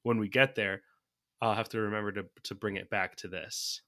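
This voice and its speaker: A man with a lowish, pushed, bright voice speaks at a normal speed with fairly even intonation. As a podcast co-host, he chats casually about a movie, thinking aloud from his notes and laughing often as he talks.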